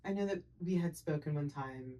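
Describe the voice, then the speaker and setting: A woman hosting a casual podcast chat, playful and quick to laugh as she tells stories. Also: low voice, highs cut off. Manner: playful, laughing, animated when telling stories. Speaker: podcast host.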